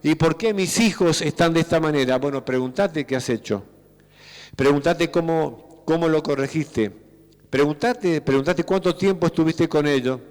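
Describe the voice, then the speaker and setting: A man's voice: a little high, moderate pace, a little mellow, long reverb tail. A male pastor with a Rioplatense Spanish accent preaching a sermon in a church, asking the congregation rhetorical questions. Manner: voseo, rhetorical questions, acts out church members. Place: church sanctuary.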